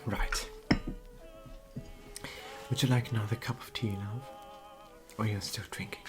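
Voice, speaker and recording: A performer in an ASMR role-play as a genteel period society lady, gossiping softly and confidingly at a tea parlour. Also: medium pitch, fairly even intonation, unhurried, over loud music, close to an everyday voice. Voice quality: soft-spoken.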